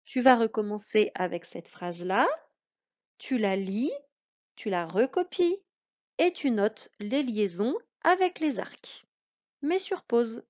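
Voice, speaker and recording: A woman's voice: on the high side, lively intonation, slow pace. A woman teaching a reading lesson to children, patient, drawing out each example word. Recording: dull lo-fi sound.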